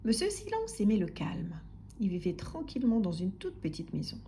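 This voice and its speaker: Expressive woman reading to children. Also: mid-range voice, moderate pace, slight background noise. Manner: expressive, soft-spoken, sometimes whispering. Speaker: storybook reader for children. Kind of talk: children's audiobook narration.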